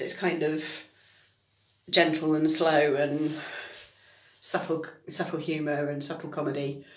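Chatty British woman in an echoey room. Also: low-pitched. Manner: chatty, rambling, self-correcting. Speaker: vlogger. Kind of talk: casual diary vlog.

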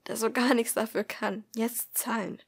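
Brief: a woman doing a blunt blonde schoolgirl, fiery, a little husky, storybook reading. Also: medium pitch, steady tone, normal speed. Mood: angry. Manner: sharp, scolding outbursts.

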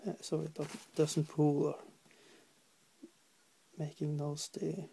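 In a low-quality recording, a hobby painter from Norway speaks with a Norwegian accent in a slightly high voice that's monotone, gravelly, husky, and dark-toned. Working at an indoor desk, he hesitantly narrates a miniature painting tutorial, full of fillers and halting pauses, humming along the way.

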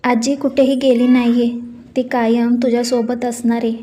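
A gentle, caring young man speaks softly and soothingly, voiced by a woman storyteller. The tone is mellow and steady with little rise and fall. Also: fairly high pitch, moderate pace, lightly acted.

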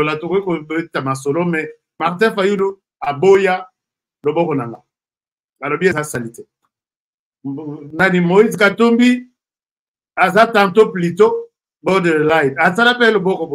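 This is a man with a Congolese accent and a rather high voice, talking casually as a political commentator. He often pauses on fillers and starts his sentences over, building his points step by step. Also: fairly bright tone. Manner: hesitant, many fillers and restarts.

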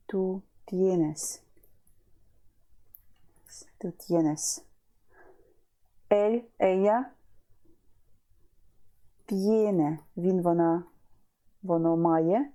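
Female language tutor, unhurried and warm, patient drill of verb forms. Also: fairly low pitch. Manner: slow and patient, repeats each verb form. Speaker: language teacher. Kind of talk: online Spanish lesson.

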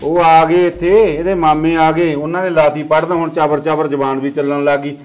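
A middle-aged man, playing a gruff, dismissive father in a family drama series. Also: fairly high pitch, flat delivery, fairly quick, a little mellow, faint music behind, natural voice. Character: harsh controlling village father. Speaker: father of the household.

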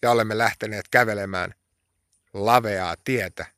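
Impassioned preaching man, bright dry voice. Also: lowish voice, steady tone, clean tone, no room sound. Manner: impassioned, rising to pleading cries in prayer. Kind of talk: sermon.

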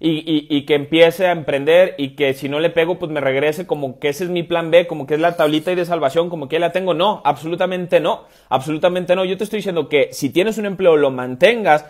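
A man's voice: fairly high pitch, fairly quick, few pauses. Emphatic man asking rhetorical questions. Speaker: online business coach. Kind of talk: motivational live stream. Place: indoors, room with stone-pattern wall. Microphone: wired earphone headset mic, phone camera.

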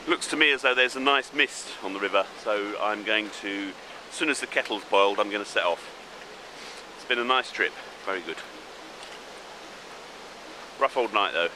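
An older man with a very low, deep voice talks easily to a handheld camera as he drifts down a river in a small boat. His tone is relaxed and chatty, as if thinking out loud. Birdsong and open-air river sounds come through clearly around him. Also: normal speed, noisy background. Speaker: solo small-boat voyager. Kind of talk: casual travel vlog commentary. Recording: outdoor birdsong and river ambience.

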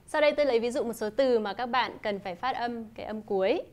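Woman teacher with a higher voice, explaining clearly. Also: darkish tone. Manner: clear, measured explaining, demonstrating English sentences. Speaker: English teacher. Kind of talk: scripted lesson narration.

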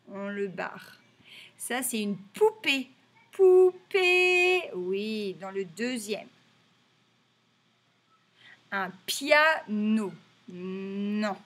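A woman teaching young children to read in French, patiently repeating each word and stressing its sounds. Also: mid-range voice. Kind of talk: early reading lesson for young children.

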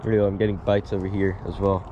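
Guy on a body cam at a pond bank, lowish voice, kinda mumbly, wind and traffic noise all over. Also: fast, dull audio. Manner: relaxed, mutters to himself while casting. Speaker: angler filming his fishing trip. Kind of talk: casual running commentary. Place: grassy pond bank outdoors. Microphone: body-worn action camera. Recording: outdoor action-cam audio with clear background noise.

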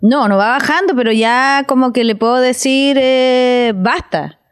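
A Chilean woman in her thirties with a high voice talks casually about motherhood. She is animated and often acts out her small daughter's pleading lines. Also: measured pace, smooth. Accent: Chilean Spanish. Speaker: podcast co-host. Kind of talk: casual chat.

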